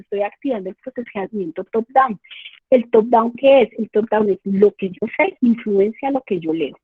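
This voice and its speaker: A woman's voice: a little high, husky, dry recording. A woman professor with a Colombian accent giving an explanatory remote lecture to parents, asking herself rhetorical questions as she goes. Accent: Colombian Spanish. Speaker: university professor. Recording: tinny phone-like line.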